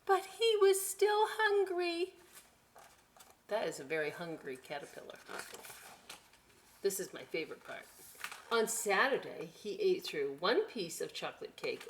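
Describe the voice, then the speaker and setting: At a library storytime, a middle-aged woman with a medium-pitched, fairly bright voice shares picture books with young children. Her reading is playful and conversational, sprinkled with chatty asides.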